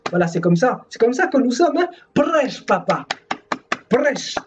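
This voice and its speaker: A man's voice: very high voice, big pitch swings, unhurried, noisy background, pitched above the performer's own voice, full character voice. Man mocking a fawning African-accented churchgoer. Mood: pleading. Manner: mocking, pleading, repetitive. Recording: distant dull sound with music.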